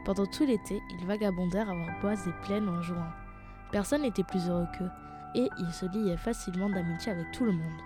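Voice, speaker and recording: A woman reading a fairy tale aloud in an expressive, animated storybook style. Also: fairly low pitch, brisk, music in the background. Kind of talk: storybook narration.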